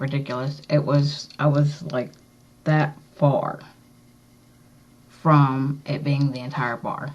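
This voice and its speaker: Female vlogger, unhurried and low, tongue a bit swollen, rambling matter-of-fact delivery, muffled lo-fi audio. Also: darkish tone. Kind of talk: casual chat to camera, piercing update. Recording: dull, lo-fi recording.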